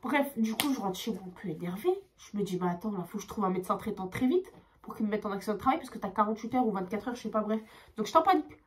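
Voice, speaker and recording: A young woman telling a storytime vlog, tired, expressive and swearing as she acts out her dialogue. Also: mid-range voice, very fast. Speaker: vlogger.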